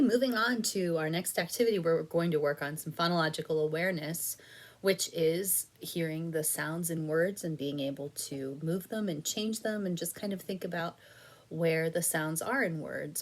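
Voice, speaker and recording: A woman teacher with a low voice gives young children a recorded reading lesson. Her prompts are slow and clear, and she praises them patiently.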